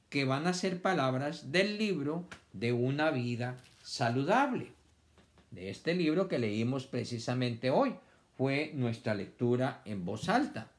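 A man teaching a children's vocabulary lesson, stretching words out syllable by syllable and repeating them for the class to copy. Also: mid-range voice.

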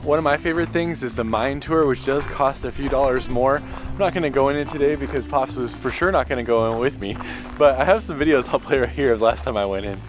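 A man in his thirties talks through a travel vlog in an upbeat, informative way, laughing easily as he goes. He films himself outdoors with the camera held out at arm's length, and soft music plays quietly behind him. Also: mid-range voice. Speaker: travel vlogger. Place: outdoors in the desert, on foot.

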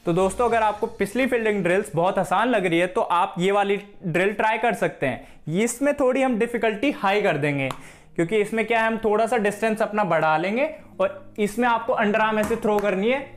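A young man walks viewers through cricket drills at home, in a friendly, instructive way. He speaks to a camera set across the room. Soft music plays behind him. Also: high voice. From Haryana, India. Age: young adult. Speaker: cricket coach.

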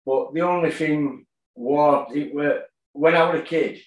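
Calling in by tablet from his home kitchen, a man who boxes and owns a gym recounts his story as an interview guest. His voice runs on the high side, and his plain-spoken delivery halts with fillers and pauses in an echoey room.

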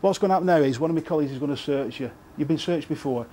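Man, immigration officer, fast talk, calm procedural tone, background noise in an office. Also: a little high. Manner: brisk, calm and procedural, with fillers. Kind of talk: interview and on-duty talk. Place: office in a reporting centre. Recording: noisy location sound.

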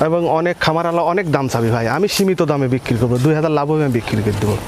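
A man's voice: a little high, animated, racing. A middle-aged man from Bangladesh, a dairy farmer, talking eagerly and repeating himself as he shows his calves outdoors on a lapel mic. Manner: eager, repetitive, stumbles over words. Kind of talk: casual sales talk. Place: outdoors at a farm. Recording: outdoor noise behind.

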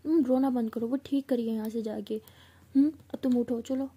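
Woman as protective best friend, husky, firm. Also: on the high side, fairly even intonation, normal speed, mellow. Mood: scolding. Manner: fussing, scolding, reassuring.

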